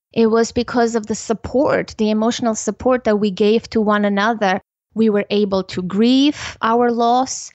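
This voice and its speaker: A woman's voice: fairly high pitch, darkish tone, no room sound. Earnest woman in her forties. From Armenia. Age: 40s. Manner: earnest, measured, thoughtful. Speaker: podcast guest, parenting educator. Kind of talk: reflective interview talk. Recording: slightly muffled dry recording.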